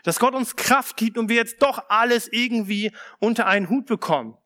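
A man preaching a sermon. He reads a Bible passage aloud, then explains it in a calm, measured way, mixing in casual asides. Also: very high voice.

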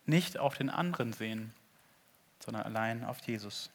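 A man preaching a sermon in an earnest way, swinging between loud appeals and hushed asides. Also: mid-range voice, normal speed. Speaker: pastor.

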